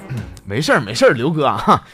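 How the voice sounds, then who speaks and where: A man's voice: medium pitch, fast talker, faint music behind. A man with a Northeastern Chinese accent hosting a radio-style show, telling listeners' funny stories and voicing the people in them. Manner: jokey, animated, voices the characters in his stories. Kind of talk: comedic storytelling.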